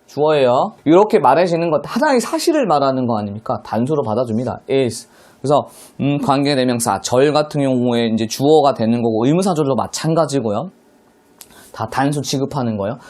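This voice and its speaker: A man teaching high school English, walking through a textbook passage step by step and asking the class rhetorical questions. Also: expressive, a little fast, a little mellow. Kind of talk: online classroom lecture explaining a textbook.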